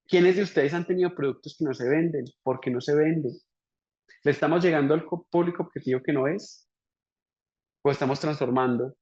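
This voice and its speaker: A man's voice: fairly high pitch, a little mellow. A man lecturing entrepreneurs on business strategy, firing off rhetorical questions and tagging his points with "right?". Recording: dull lo-fi recording.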